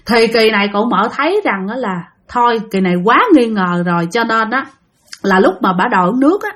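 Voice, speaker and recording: A woman telling a spooky tale in relaxed, conversational style. She has a high voice and keeps turning to address her listeners directly. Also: brisk. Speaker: storyteller. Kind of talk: casual spoken ghost story.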